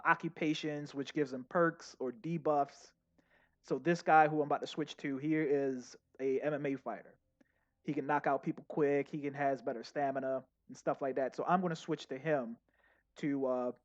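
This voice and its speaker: A young man giving casual, excitable live commentary while playing a game, talking straight to his chat. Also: on the high side, dull audio. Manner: chatty, excitable, addresses chat as y'all. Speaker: game streamer.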